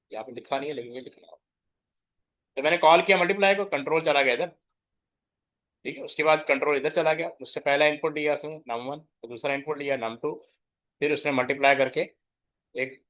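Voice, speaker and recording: A middle-aged man teaching computer science gives a step-by-step classroom lecture in Hindi mixed with English terms, pausing to make sure students follow. His voice is a little high and a bit bright.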